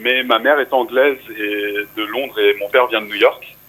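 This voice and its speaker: A young French rapper is a guest in a radio interview, speaking at normal speed in a medium-pitched voice. He sounds relaxed and casual, using plenty of fillers.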